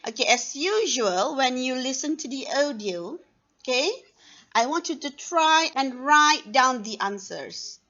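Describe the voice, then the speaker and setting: A woman teaching an online class for young children, speaking slowly and clearly and saying "okay" often. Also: high-pitched, expressive, sharp tone. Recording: dull lo-fi sound.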